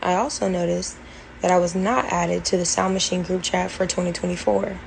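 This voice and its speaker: A woman's voice: lowish voice, steady tone, moderate pace, vocal fry, slight background noise, poor audio. A young woman earnestly recounting her college experience in a storytime vlog, detailed and full of fillers. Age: young adult. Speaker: former college band member telling her story.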